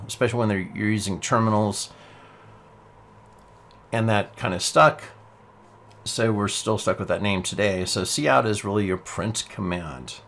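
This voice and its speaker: A man's voice: lowish voice, a bit bright, slight background noise. A man teaching a beginner programming lesson, explaining patiently step by step while typing along. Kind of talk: screen-recorded coding tutorial.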